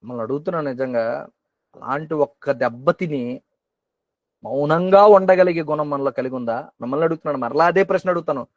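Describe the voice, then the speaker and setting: A man's voice: a little high, brisk, dry recording, highs cut off. A man preaching a sermon at an online prayer meeting who keeps asking questions and repeating phrases for emphasis. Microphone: video call.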